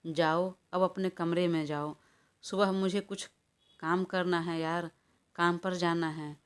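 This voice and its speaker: A woman's voice: fairly low pitch, little pitch movement, slow, clean tone. A woman voicing an exasperated young man. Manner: exasperated, pleading for rest. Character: irritated, weary young man. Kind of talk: audiobook character voice.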